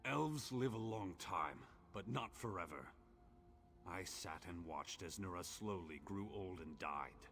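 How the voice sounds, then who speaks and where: A very low, forceful voice of an ancient orc prisoner from a fantasy game. He speaks with solemn, theatrical grandeur, bitter and lovelorn. A faint noisy ambience sits behind the words. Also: lively intonation, heavily acted. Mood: sorrowful, bitter. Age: old. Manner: solemn, theatrical, slow archaic storytelling. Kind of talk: dramatic fantasy game dialogue.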